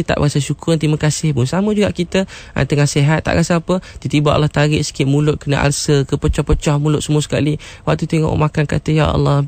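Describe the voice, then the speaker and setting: A man's voice: fairly high pitch, a little mellow, dry recording. A man in his thirties with a Malaysian accent, giving an earnest motivational radio talk and acting out the people in his stories. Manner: earnest storytelling, acts out quotes. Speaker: preacher.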